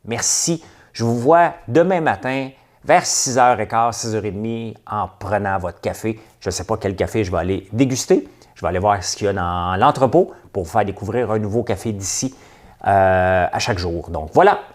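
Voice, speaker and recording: A man's voice: on the low side, normal speed. A man with a Québécois accent hosting a casual livestream chat, rambling and stop-start with lots of hesitations. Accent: Québécois French. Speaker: livestream host.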